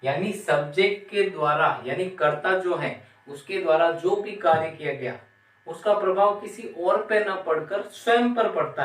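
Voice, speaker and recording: A man teaching a grammar lesson, speaking slowly and repeating key terms as he asks the class questions. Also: a little high. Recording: roomy, from some distance.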